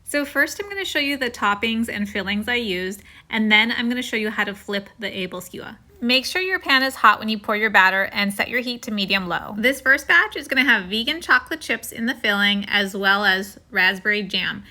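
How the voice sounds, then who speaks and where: A woman's voice: mid-range voice, lively intonation, a little fast, few pauses, pushed and bright. A woman hosting a home cooking video, talking through a recipe step by step in a casual, friendly way.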